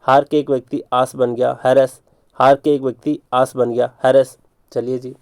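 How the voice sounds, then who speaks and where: A man runs an exam-prep spelling lesson, voice sitting a bit high with a soft, dark tone. He drills each memory trick by chanting the letters slowly, over and over. The sound is dry and close. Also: creaky, no room sound. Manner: repeats mnemonics in slow sing-song drills. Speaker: English spelling teacher.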